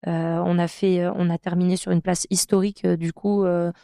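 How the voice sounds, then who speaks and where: Speaking fairly quickly in a lowish, flat voice with vocal fry, this woman is a handball pro from France in her thirties. She recounts her career for a podcast with lots of hesitations and fillers, yet warmly enthusiastic, in a dry, clean studio recording.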